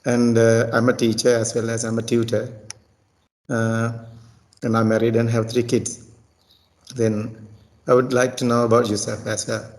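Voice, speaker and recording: A man's voice: mid-range voice, monotone, normal speed, pauses often. Sri Lankan man, thirties-ish tutor, casual practice chat, hesitant with many restarts. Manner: hesitant, repeats words and restarts often. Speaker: tutor and teacher.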